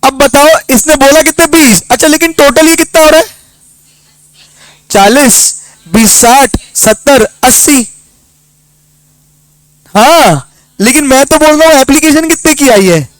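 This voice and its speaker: A woman teacher giving a lively lesson, telling stories and firing quick questions at her students. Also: high-pitched, no echo, low-quality recording. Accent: Hindi. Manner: storytelling with rapid-fire questions to students. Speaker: commerce teacher.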